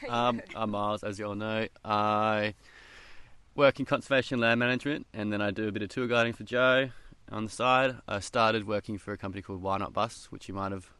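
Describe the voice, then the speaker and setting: A man's voice: fairly low pitch, steady tone, fairly quick, pushed and bright. A man working as a tour guide, introducing himself casually to a travel group with a laugh.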